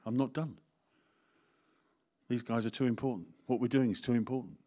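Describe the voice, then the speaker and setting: A man's voice: mid-range voice, moderate pace, mellow. A man, a vicar preaching a sermon in a candid, conversational way with jokes and asides.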